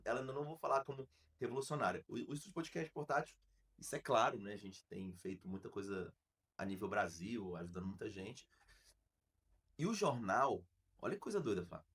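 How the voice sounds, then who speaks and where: A man from Brazil, a podcast host, telling a story in a casual, slangy, animated way with many restarts. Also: mid-range voice, breathy edge.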